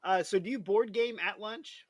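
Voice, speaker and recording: A man's voice: high voice, normal speed, no room sound, dull audio. A man hosting a podcast interview, friendly and laughing often. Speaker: podcast host. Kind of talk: casual interview chat.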